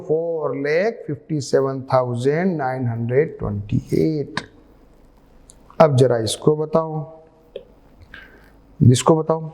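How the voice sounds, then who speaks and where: High-voiced, slow-speaking maths teacher. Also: male voice, dark tone. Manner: explains slowly step by step, asks students questions. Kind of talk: classroom maths lesson.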